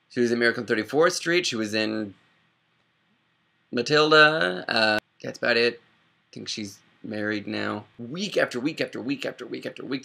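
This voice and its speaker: Young guy from chicago doing a snarky rambling vlog, gravelly edge, punchy bright tone. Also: lowish voice. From Chicago area, Illinois. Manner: rambling, sarcastic, doing quick impressions. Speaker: video host. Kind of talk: casual comedic movie vlog.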